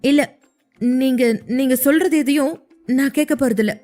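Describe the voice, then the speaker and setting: A hurt young wife in a spoken audio drama, voiced by a woman narrator, lashing out between tears. Her voice jumps high above the narration, and the tone stays mellow with faint music in the background. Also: normal speed, natural voice. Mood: tearful. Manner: sharp, weepy outbursts.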